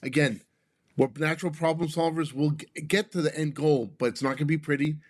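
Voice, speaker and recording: A man's voice: on the high side, steady tone, a little fast, no echo, clean studio sound. A man co-hosting a business podcast who explains his points emphatically and often ends them with "right?". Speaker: podcast co-host, consultant. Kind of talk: casual podcast conversation.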